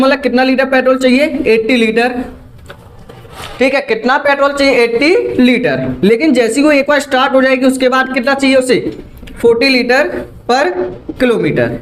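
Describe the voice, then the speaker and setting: High-voiced male physics teacher, repetitive. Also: fairly bright tone, slight background noise. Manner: repeats phrases, asks rhetorical check questions; mixes Hindi with English terms. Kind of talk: online class lecture.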